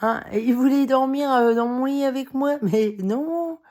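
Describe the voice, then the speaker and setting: A very tired woman vlogger talks to camera in a casual, rambling and heated monologue, packed with fillers, swearing and short laughs. Her voice is high with a dark tone, at a measured pace.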